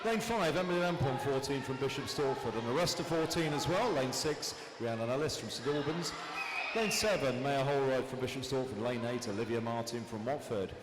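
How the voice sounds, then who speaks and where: A man's voice: mid-range voice, brisk. Chatty male announcer over a PA system. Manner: relaxed, chatty commentary between the listings. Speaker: swimming meet announcer. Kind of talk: live announcing and race commentary. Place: indoor swimming pool hall. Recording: echoey PA sound in a large hall, with noise.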